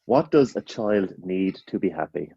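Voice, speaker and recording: Lively, jokey male podcast host. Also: low voice, moderate pace, husky, dull audio. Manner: jokey, laughs often. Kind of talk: casual podcast chat, quick-fire questions.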